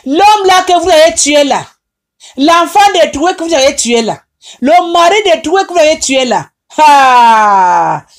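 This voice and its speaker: A woman's voice: extremely high pitch, normal speed. A woman with a Haitian French accent, tearful and upset, preaching an impassioned, repetitive rebuke. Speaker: online advice host. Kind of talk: emotional preaching monologue.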